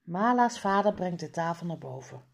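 A woman reading a children's reading book aloud slowly and clearly, for learners. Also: fairly low pitch, lively intonation. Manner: clear, deliberate, over-articulated. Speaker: reader.

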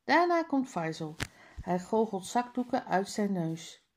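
A woman's voice: medium pitch, sing-song, a little slow, a little hiss or hum. A woman reading a children's book aloud page by page, with careful word drills. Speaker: reader.

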